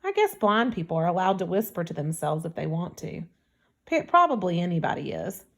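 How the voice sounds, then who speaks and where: Female audiobook narrator, first-person story, steady storytelling delivery. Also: on the low side, fairly quick.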